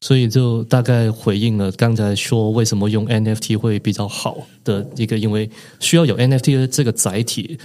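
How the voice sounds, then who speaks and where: A man, an author and podcast guest, explaining his ideas thoughtfully with frequent pauses. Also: fairly low pitch, steady tone, darkish tone. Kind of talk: podcast interview.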